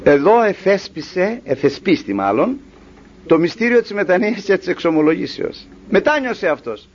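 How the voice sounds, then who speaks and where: Man, preacher, sermon, acts out dialogues, high voice, dull lo-fi recording. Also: very animated, slight background noise.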